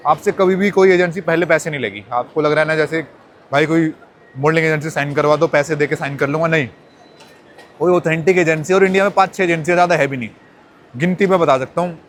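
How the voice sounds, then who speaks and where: A man's voice: fairly high pitch, fast, a little hiss or hum. A young man vlogging casually as he walks through a busy airport, talking straight to his viewers like friends. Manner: chatty, addresses viewers as brothers. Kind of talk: casual vlog chat.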